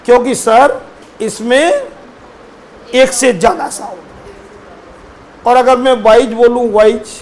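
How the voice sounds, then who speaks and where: High-voiced male teacher, slow and coaxing. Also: lively intonation, a little hiss or hum, poor audio. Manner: addresses students as children, asks them questions. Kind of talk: classroom lesson on English grammar.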